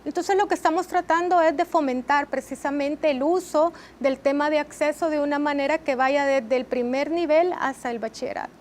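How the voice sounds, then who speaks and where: A woman, answering as a guest in a TV interview in a measured, explanatory way. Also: high voice, fairly even intonation, slight background noise. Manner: measured, explanatory, with frequent rhetorical tag questions. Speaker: interview guest, training head.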